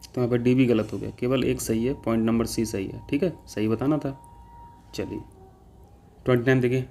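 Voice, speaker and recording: Dark-voiced man teaching an exam class. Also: mid-range voice, steady tone, moderate pace, gravelly, slight background noise. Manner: explains step by step, keeps checking with "ठीक है". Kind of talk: exam-prep lesson.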